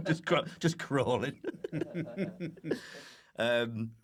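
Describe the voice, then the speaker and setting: A guest comedian on a podcast chats casually in a mid-range voice, drawing out his words. He rambles through self-deprecating comic anecdotes, giggling as he goes.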